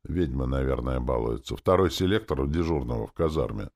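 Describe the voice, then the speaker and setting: A man's voice: very deep voice, a little fast. A man voicing a fawning, cheeky male zombie, a former official, in a wheezy, nasal voice in an audiobook. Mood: wheedling. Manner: flattering, cheeky, theatrical. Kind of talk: audiobook character voice.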